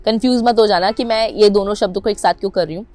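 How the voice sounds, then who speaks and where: A woman's voice: medium pitch, fast talker, darkish tone, faint music behind. A young adult Indian woman teaching public speaking to camera, mixing English into Hindi with an Indian English accent and stressing her words emphatically. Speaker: anchoring and public speaking coach.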